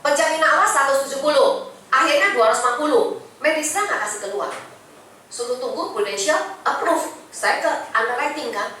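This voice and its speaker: A woman's voice: high-pitched, brisk, bright, forceful tone, slight background noise. A middle-aged woman with an Indonesian accent, giving a chatty motivational talk to an audience and often asking them questions. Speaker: insurance agency director giving a talk. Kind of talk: motivational sharing session to an audience. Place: meeting room with an audience. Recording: echoey room, voice from a distance.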